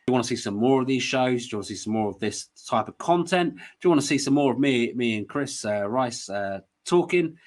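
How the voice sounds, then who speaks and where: A man's voice: mid-range voice, expressive, fast talker, few pauses. Rambling, hesitant male host. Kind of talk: casual conversation.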